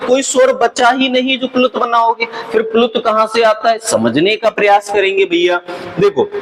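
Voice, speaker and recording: Male teacher, raised pitch, quizzes and answers himself, faint hiss under the voice. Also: a bit bright, rough recording. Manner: explains patiently, asks and answers his own questions. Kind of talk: exam-prep grammar lesson.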